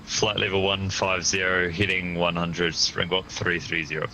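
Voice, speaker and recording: A man's voice: low-pitched, little pitch movement, normal speed. A male airline pilot answering air traffic control over the cockpit radio headset, brief and matter-of-fact.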